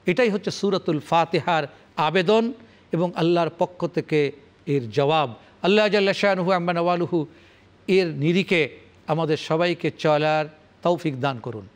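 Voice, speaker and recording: Solemn male scholar with a fairly high voice. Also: normal speed. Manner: recites Arabic verses, then explains them in rhythmic, repetitive phrases; formal, solemn address to the audience. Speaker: Islamic scholar presenting Quran commentary. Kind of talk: televised religious lecture.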